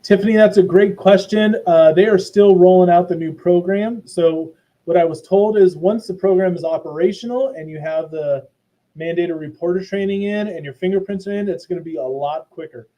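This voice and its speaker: A man giving a casual, chatty school presentation to parents from his office. His audio is robotic and garbled, like a low sample rate, and he uses many fillers and restarts. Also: normal speed, warm tone, rough recording. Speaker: school principal. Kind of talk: live online presentation to parents. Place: hot indoor office.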